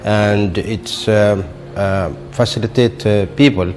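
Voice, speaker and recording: Hesitant low-voiced male lecturer. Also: steady tone, slow pace, a little mellow, faint music behind. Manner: hesitant, many fillers. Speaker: nursing lecturer. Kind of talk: interview testimonial.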